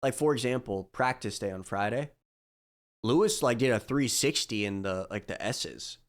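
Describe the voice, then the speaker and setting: A young man hosting a casual chat, sick and raspy, relaxed and full of fillers, trailing off quietly. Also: mid-range voice, normal speed. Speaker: podcast host.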